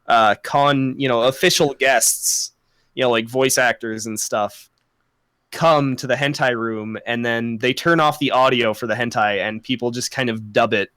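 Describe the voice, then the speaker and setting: A man's voice: mid-range voice, steady tone, moderate pace, fairly bright tone, clear, resonant tone, no echo. A young man co-hosting a podcast, chatting casually, rambling, swearing a lot and laughing often. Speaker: podcast co-host. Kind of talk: casual chat.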